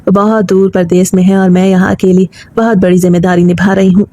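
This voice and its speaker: A woman's voice: medium pitch, level tone, mellow, no echo, natural voice. A woman voicing a patient young daughter-in-law who pleads humbly and tearfully, in a storybook reading. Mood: pleading.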